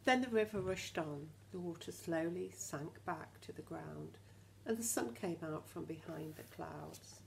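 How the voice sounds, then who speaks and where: Reading a storybook aloud to small children at a measured pace, this woman has a fairly low, slightly creaky voice. She's a teacher who keeps it expressive, frequently turning to the listeners with questions, while faint noise hums behind her.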